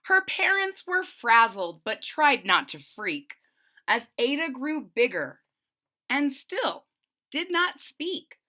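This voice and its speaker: Woman reading a kids picture book, high bouncy voice, takes it slow, chats to the kids between pages. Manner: expressive storyteller, adds plain-spoken asides for children. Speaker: read-aloud narrator. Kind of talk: children's picture book read-aloud.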